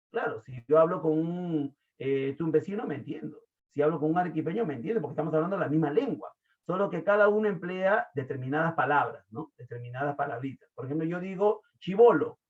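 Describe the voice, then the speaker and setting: Limeño teacher on a tinny line. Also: male voice, fairly high pitch. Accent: Lima Peruvian Spanish. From Peru. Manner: chatty, asks the class questions, many fillers. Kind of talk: online class lecture. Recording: tinny phone-like audio.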